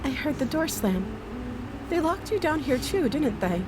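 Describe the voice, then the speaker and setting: A woman playing a soft-spoken, calmly determined young princess held captive, in a cartoon princess manner for a video game. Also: high voice, measured pace, noisy background. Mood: earnest, hopeful.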